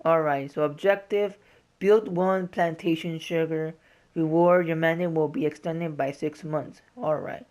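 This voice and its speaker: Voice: mid-range voice, steady tone, a little slow, darkish tone. A gaming host giving informal, explanatory walkthrough commentary in a casual style.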